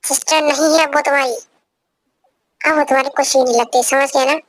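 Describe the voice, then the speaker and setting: A woman's voice: high-pitched, fairly even intonation, fairly quick, no echo, close to an everyday voice. A young woman voicing a possessive, domineering young husband who gives orders in an amateur fan dub. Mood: stern. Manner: commanding, repeats orders.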